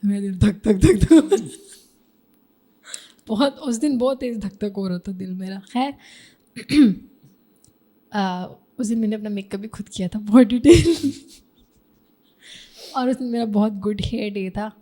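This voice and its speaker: A young woman with a Pakistani Urdu accent, chatting as an interview guest about her stage debut, often clearing her throat. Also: mid-range voice, long pauses, warm tone. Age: young adult. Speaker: guest, social media influencer. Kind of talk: casual interview chat.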